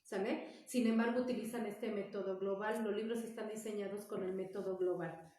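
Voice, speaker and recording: A woman's voice: medium pitch, fairly even intonation, normal speed, dark tone, a little hiss or hum. A woman teacher, patiently explaining reading methods to parents and often checking in with "¿sale?". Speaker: primary school teacher. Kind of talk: teaching parents in an informal talk. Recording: echoey room, far from the mic.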